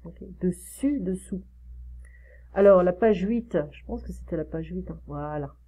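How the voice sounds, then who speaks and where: A French woman tutoring French one-on-one, explaining slowly with many fillers and modelling pronunciation. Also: lowish voice, mellow. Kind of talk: one-on-one online French lesson.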